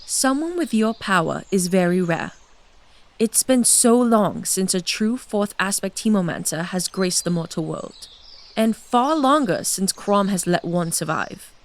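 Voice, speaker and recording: In a full-cast fantasy audio drama, an actress plays a seductive, scheming blood queen who has lived hundreds of lives. Her mid-range voice is expressive, measured and intimate, with a conspiratorial mood.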